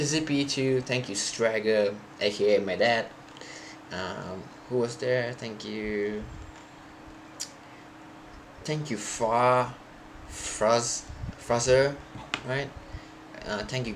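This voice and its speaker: A young Thai programmer rambles casually to viewers during a live coding stream, halting, restarting and searching for words. His voice is medium-pitched, with a slight hiss or hum on the recording.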